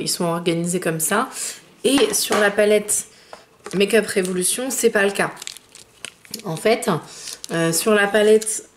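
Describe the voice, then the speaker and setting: A woman with a chatty manner, reviewing eyeshadow palettes and slowing down to name each shade. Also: mid-range voice. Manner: chatty, fillers, slows down when naming shades. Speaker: beauty vlogger. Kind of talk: makeup review with swatches.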